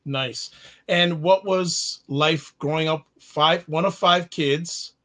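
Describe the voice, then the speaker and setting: A man's voice: fairly high pitch, fairly even intonation, slow, sharp tone. A man from Canada hosting a live online talk show, reading a formal introduction of his guest and then chatting loosely with him. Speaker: host.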